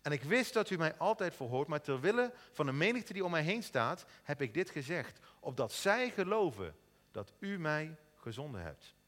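Solemn, commanding male teacher read by a preacher, measured pace, hall reverb. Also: fairly high pitch, very animated, a bit bright.

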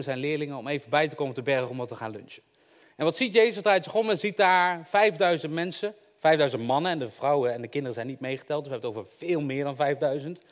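A young man preaching an informal sermon, talking conversationally with joking asides to his listeners. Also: a little high. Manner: conversational, joking asides, addresses the audience directly.

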